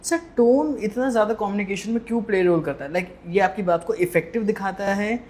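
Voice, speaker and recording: A woman's voice: mid-range voice, fairly quick. Woman podcast host asking long questions. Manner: frequent soft affirmations, long code-switched questions. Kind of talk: interview questions and backchannel.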